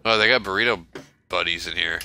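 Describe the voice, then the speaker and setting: A man joking and reacting loudly while he and a friend play a video game together. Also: sits low, fairly quick, a little hiss or hum. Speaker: gamer. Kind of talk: casual co-op gameplay commentary.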